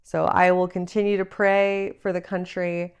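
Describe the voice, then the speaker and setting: Her pitch is fairly low with little movement, and she speaks at a measured pace in a clean tone, though the audio sounds dull. She's a woman in her thirties hosting a solo advice podcast, slightly congested from a cold, offering earnest encouragement into a travel mic that isn't her regular one.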